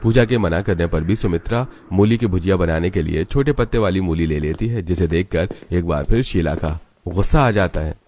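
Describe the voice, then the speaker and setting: A man narrating a cartoon family story in a steady, matter-of-fact way. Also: low-pitched, a little fast, few pauses, a little hiss or hum.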